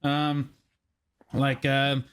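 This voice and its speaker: A man's voice: medium pitch, monotone, extremely slow, a bit bright, clear, resonant tone. A man hosting and moderating a casual group chat over a call. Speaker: host moderating a panel.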